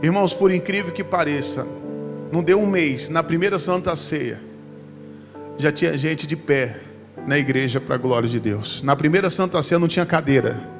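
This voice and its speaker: A man's voice: fairly high pitch, moderate pace. A male pastor telling a personal testimony to his congregation in a conversational sermon. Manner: conversational storytelling, addressing the congregation. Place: church sanctuary. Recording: church reverb with instrumental music.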